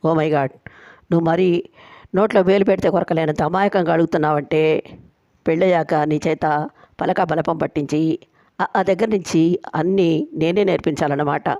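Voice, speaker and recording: A woman's voice: deep voice, fairly even intonation, normal speed, pauses often, warm tone, no room sound, highs cut off. Woman narrator doing a cocky young groom, playful, pleading, dry sound. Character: young man, boastful, joking groom-to-be.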